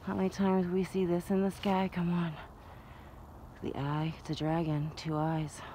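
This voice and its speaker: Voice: medium pitch, fairly even intonation, a little slow, warm tone, a little hiss or hum. A vlogger outdoors, out of breath, musing in wonder while filming the sky on a handheld phone. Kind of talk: casual spiritual musing. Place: outdoors under the open sky. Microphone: handheld phone camera.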